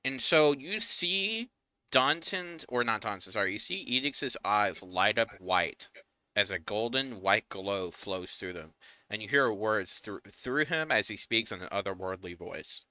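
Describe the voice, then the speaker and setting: A man's voice: on the low side, expressive, measured pace, bright, forceful tone, dry recording. A man running a tabletop game as game master, chatting casually and narrating scenes, in a slightly dull recording.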